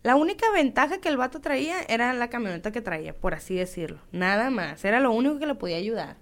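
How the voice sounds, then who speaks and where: A woman's voice: fairly high pitch, fast. A young woman from Sinaloa, Mexico, with a Sinaloan Mexican Spanish accent, telling a story in casual, slangy chat and acting out the voices. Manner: animated, slangy, acts out voices in quotes.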